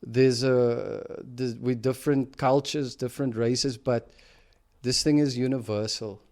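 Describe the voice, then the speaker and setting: A man's voice: medium pitch, steady tone, unhurried, darkish tone. A man hosting a podcast, telling a personal story in a reflective, casual way, with many fillers and restarts. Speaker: podcast host.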